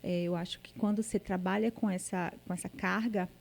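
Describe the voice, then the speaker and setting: A woman's voice: on the low side, fairly even intonation, brisk, gravelly, a little mellow. A woman with a Brazilian Portuguese accent hosting a podcast, thinking aloud hesitantly and often ending with tag questions. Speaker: podcast host. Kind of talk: casual podcast chat.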